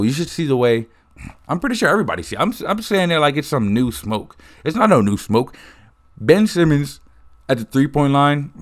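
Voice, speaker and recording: Rambling, excitable young man. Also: mid-range voice. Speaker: host. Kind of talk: casual rant. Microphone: close to the mic.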